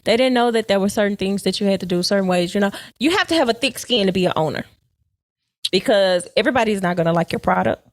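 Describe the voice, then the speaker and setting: A woman's voice: medium pitch, fast, no room sound. Woman, podcast co-host, casual chat, filler-heavy, dry close sound. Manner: talkative, frequent fillers and laughter.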